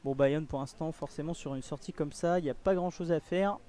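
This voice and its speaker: A man's voice: fairly high pitch, fairly quick, dark tone. A man co-commentating a live match casually, in short informal remarks. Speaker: sports co-commentator.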